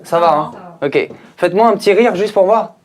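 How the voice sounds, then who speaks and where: On a TV studio stage with a live audience laughing, a comedian from France does a conversational, jokey stand-up set, teasing the people in front of him. His voice sits high and his delivery is brisk.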